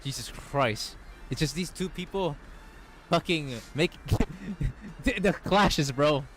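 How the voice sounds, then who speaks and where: A man reading a game story aloud and breaking off for excited, profane reactions. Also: fairly high pitch, slow pace, soft background music. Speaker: gaming streamer.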